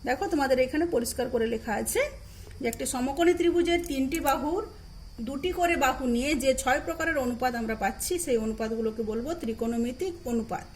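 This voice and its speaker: A high-voiced woman with a Bengali accent teaches a math class. She goes slowly through each term, spells words out and answers her own questions. A faint hum sits under the recording. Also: poor audio. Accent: Bengali, from eastern India. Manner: patient, repeats key terms and spells them out; asks questions then answers them herself.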